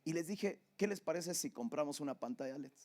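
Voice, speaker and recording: Older man, pastor, Mexican Spanish accent, high voice, conversational sermon. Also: expressive, fairly quick, darkish tone. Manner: conversational storytelling, often asks "¿verdad?". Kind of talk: sermon with personal story.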